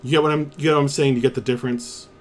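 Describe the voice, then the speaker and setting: A man's voice: mid-range voice, fairly even intonation, very fast. A man running a tabletop game as game master, asking clarifying questions.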